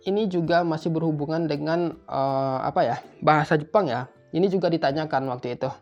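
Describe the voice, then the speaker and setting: Fast-talking chatty man. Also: fairly high pitch, a little mellow. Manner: chatty, informal, keeps repeating a filler tag. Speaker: tutor for job interviews in Japan. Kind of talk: casual explainer video. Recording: slightly muffled, faint music behind.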